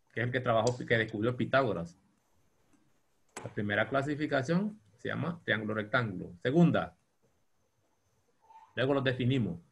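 A man teaching a university geometry class, dictating slowly and spelling out terms. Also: medium pitch, creaky, fairly bright tone, husky. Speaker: geometry lecturer.

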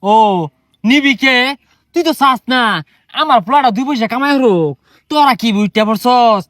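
Man, teasing, bossy, very high voice, dry sound. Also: moderate pace, fairly bright tone, dry recording. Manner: teasing, bossy, breaks into folk songs. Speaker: comic village elder character. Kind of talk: rustic comedy sketch in dialect.

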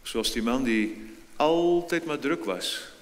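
A male pastor preaching a sermon in a church, slow and deliberate, with sudden emphatic rises in pitch and volume. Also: animated. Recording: long church reverb, faint noise.

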